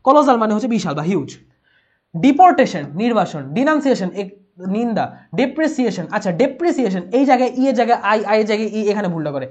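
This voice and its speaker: Fast-talking woman teaching a lesson. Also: on the high side, big pitch swings, a little mellow, dull audio. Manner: fast, explanatory, repeats key words and spells them out. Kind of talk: online exam-prep lesson.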